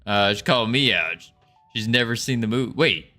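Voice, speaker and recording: With faint music behind him, a young man on a livestream talks casually to viewers in a put-on Southern drawl, full of folksy cowboy playfulness. His mid-range voice moves at a moderate pace with a bright, forceful tone.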